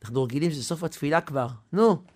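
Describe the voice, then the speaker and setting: A man preaching a sermon, telling a story dramatically, swinging from loud to hushed. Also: on the high side, animated.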